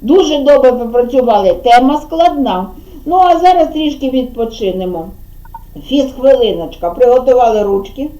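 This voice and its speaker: Kindergarten teacher, woman, Ukrainian accent, high mellow voice, slow sing-song delivery, dull lo-fi classroom sound. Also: lively intonation. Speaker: preschool teacher. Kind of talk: preschool lesson with children.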